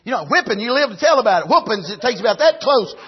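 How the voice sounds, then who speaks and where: Fast and breathy-edged, a very high male voice with big pitch swings carries this folksy storytelling sermon. The preacher is middle-aged, Appalachian-accented, and grew up on a farm in rural America, and he keeps repeating and restarting phrases for emphasis, all captured in a dull, lo-fi recording.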